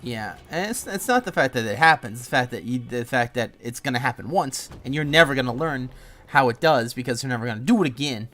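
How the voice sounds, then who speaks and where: A man's voice: mid-range voice, lively intonation, quick pace, sharp tone. A man chatting casually while playing a video game, rambling with frequent restarts and plenty of swearing. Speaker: gaming streamer.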